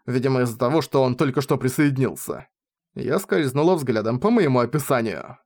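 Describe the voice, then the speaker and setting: A man narrating a novel in the first person with an expressive, lively reading. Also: medium pitch, brisk. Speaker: audiobook reader.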